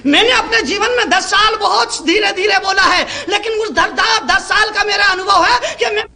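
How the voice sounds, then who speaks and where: A man giving a fiery sermon as a monk preacher, loud and emphatic, repeating phrases to drive points home. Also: very high voice, moderate pace, vocal fry.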